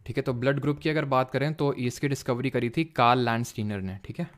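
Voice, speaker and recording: This is a man teaching a live online lesson, mixing English technical terms into Hindi. He moves step by step and often pauses to question the class and check that everyone is following. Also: medium pitch. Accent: Indian English terms mixed into Hindi. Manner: explains step by step, asks quiz questions, says "ठीक है" often. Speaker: online tutor.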